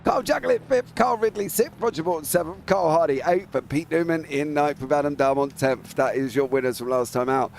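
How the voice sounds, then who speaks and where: A male motorsport commentator with a high voice and a gravelly creak calls a race live. His delivery is informal and excitable, with clear vehicle noise running behind him. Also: fairly quick, few pauses.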